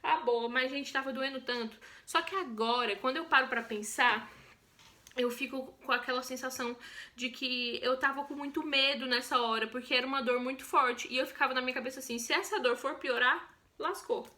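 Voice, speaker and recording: A young Brazilian woman with a Brazilian Portuguese accent, telling her own birth story in a chatty, expressive vlog. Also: high voice, fairly quick.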